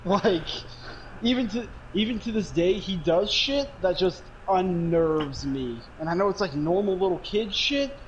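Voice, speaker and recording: A man's voice: high voice, expressive, measured pace, highs cut off, a little hiss or hum. A young man co-hosting a podcast, chatting casually, rambling, swearing and laughing often. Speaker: podcast co-host. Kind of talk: casual chat.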